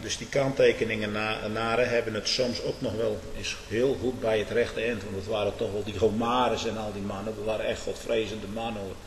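A man preaching a fiery sermon, dropping to low mutters and then rising to shouts, often asking his listeners "hm?". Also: little pitch movement, a little fast, hardly any pauses, a little hiss or hum. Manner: asks "hè?" and "hm?" to the listeners. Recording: echoey hall with long reverb.

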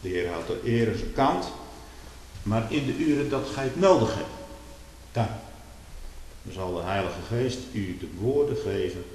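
A man's voice: animated, measured pace, pauses often. Fiery preacher man in an echoey hall. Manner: fiery, swings from low murmurs to loud outbursts. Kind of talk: sermon. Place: church. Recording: echoey church hall with hiss.

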